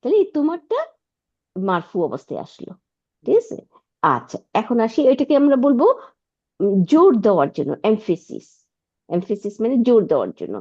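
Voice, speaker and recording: A woman's voice: a little high, wildly swooping pitch, moderate pace, long pauses, darkish tone, dull audio. A woman teaching an Arabic lesson online, patiently repeating words and checking that her student follows.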